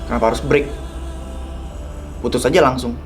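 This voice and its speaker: A man's voice: mid-range voice, steady tone, normal speed, natural voice. A young man voicing a jealous, sulking boyfriend who talks curtly and accusingly, in a dubbed youth drama. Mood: jealous, angry. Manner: curt and accusing. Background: background music.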